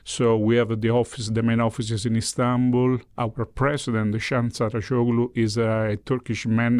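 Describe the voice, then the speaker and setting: A man's voice: mid-range voice, darkish tone, smooth, no room sound, clean studio sound. A man who speaks English as a second language, answering in an interview, searching for words and repeating them for emphasis. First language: not English. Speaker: interviewee, representative of a cultural foundation.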